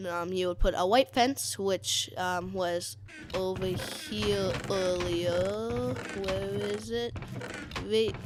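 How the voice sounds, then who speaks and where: A woman giving casual commentary while showing a game mod, hesitant and chatty, full of fillers and frequent self-corrections. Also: mid-range voice. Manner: hesitant, many fillers, corrects herself often; chatty and easily sidetracked.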